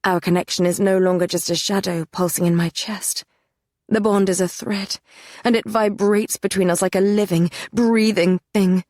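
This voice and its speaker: A woman's voice: medium pitch, steady tone, normal speed, a little mellow, dry recording, studio quality. A woman narrating a first-person fantasy romance audiobook with an intense, dramatic delivery.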